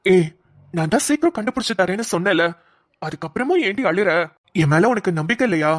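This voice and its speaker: A woman's voice: medium pitch, expressive, a little fast, natural voice. A woman voicing a caring young policeman. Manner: reassuring, protective. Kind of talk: cartoon voice acting.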